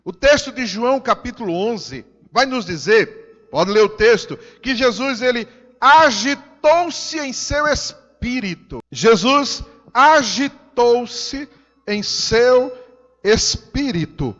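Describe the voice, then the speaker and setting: A man's voice: extremely high pitch, animated, slow pace, fairly bright tone. A man with a Brazilian accent preaching a sermon in a church hall, emphatic and repetitive, speaking directly to the congregation. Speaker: pastor. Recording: dull sound with long hall reverb.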